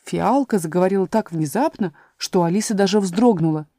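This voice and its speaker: A woman narrating a storybook reading in a calm, even manner. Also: medium pitch, a little fast, no echo, clean studio sound.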